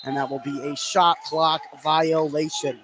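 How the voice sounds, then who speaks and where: Announcing live basketball play-by-play courtside in an indoor gym, a man speaks a little slowly with a slightly high voice and flat delivery. Gym noise, game sounds, and a bouncing basketball come through in the background.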